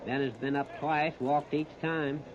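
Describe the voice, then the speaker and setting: Heard on a muffled, noisy 1930s radio disc, this American baseball announcer gives folksy, plain-spoken play-by-play in short bursts. He sounds a little high, with a steady, unhurried tone.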